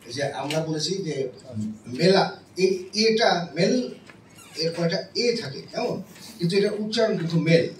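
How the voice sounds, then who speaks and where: A man's voice: high voice, animated, moderate pace, long pauses. A middle-aged man, a professor, giving an explanatory classroom lecture on music theory and checking in with his listeners often. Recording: roomy and distant with faint noise.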